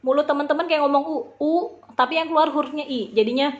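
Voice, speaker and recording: A woman teaching a beginner language lesson, patiently spelling out sounds and repeating them slowly. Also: high-pitched, steady tone, highs cut off, slight background noise.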